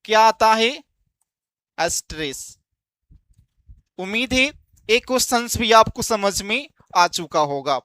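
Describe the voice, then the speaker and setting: Slow, bright-voiced male coaching teacher. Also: high voice, lively intonation, clear, resonant tone, no echo. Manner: explains step by step, asks quiz-style questions and answers them. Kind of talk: exam-prep lesson.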